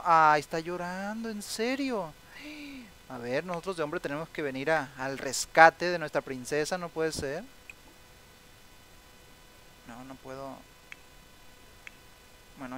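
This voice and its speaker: A man's voice: a little high, bright, forceful tone, low-quality recording. A young man casually commenting on his own gameplay. He chats along, reads the game's text aloud and often breaks into sympathetic exclamations. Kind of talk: casual let's-play commentary.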